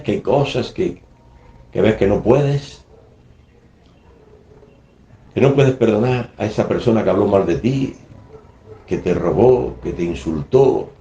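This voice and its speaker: A man's voice: fairly low pitch, mellow. Older man preaching on the radio. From Spain. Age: 70s. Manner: earnest, emphatic, acts out scripture quotes. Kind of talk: radio sermon. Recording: echoey, dull lo-fi radio broadcast.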